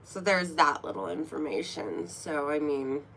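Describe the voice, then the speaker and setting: This tarot reader and streamer has a low-sitting, slightly bright voice and is very animated though measured in pace. Sniffling from a cold, she jokes with her livestream viewers at home before a reading, giggling at herself, on a low-quality recording with slight background noise.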